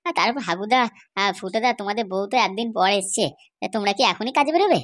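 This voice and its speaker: A woman's voice: medium pitch, animated, fast, a bit bright. A woman voicing characters in a comedy cartoon, with a chatty, persuasive way of talking. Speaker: cartoon voice actor.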